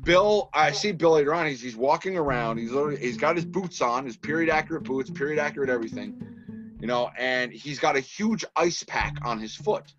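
A fairly quick, mid-range voice belongs to a Massachusetts man with a Boston accent, a filmmaker guesting on a podcast. He tells stories casually and animatedly, voicing the dialogue of the people in them. The sound is lo-fi and music plays in the background.

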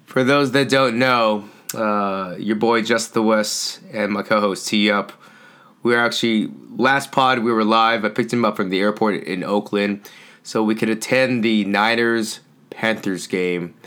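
A man hosting a sports podcast, chatting casually in a relaxed, rambling way with many fillers. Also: lowish voice, unhurried, smooth. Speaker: podcast host.

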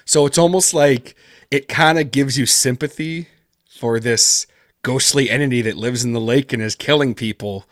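A man's voice: mid-range voice, moderate pace, no room sound, clean studio sound. A man guest chatting casually in an interview, rambling with lots of fillers. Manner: rambling, heavy on fillers like "like" and "kinda". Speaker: podcast guest, horror story writer. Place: based in Canada.

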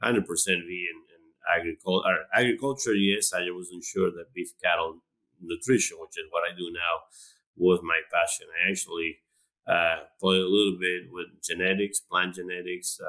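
A man from Argentina, a guest speaking in a relaxed interview, talking with frequent restarts and fillers. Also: deep voice, normal speed, rough recording. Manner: hesitant, many restarts and fillers. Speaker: animal science professor, guest. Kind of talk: conversational interview.

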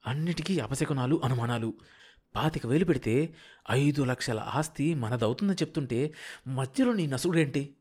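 A man voicing a sharp-tongued, scheming middle-aged wife who scolds her husband. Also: mid-range voice, lively intonation, moderate pace, slightly rough. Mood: scolding. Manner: bossy, impatient, scolding.

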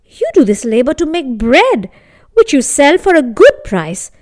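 A woman's voice: sits high, very animated, unhurried, darkish tone, voice pushed up. A woman voicing a poor, hungry man who stammers and pleads his case. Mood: reasoning.

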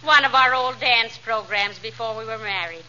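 A woman playing a wry, affectionate, gently chiding wife in a 1940s radio comedy. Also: on the high side, normal speed. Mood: fond, teasing. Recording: dull, faintly noisy vintage radio recording.

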